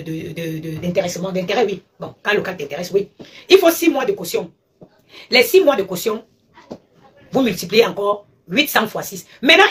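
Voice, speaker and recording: Recorded on a phone with slight background noise, a woman with a medium, somewhat bright voice delivers an animated live-stream rant. She lectures forcefully and keeps repeating herself.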